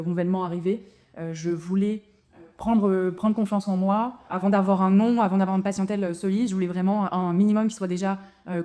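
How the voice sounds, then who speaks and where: With a mellow, medium-pitched voice, this native French-speaking dentist in her thirties shares her expat story casually to camera. Her speech has many fillers and restarts.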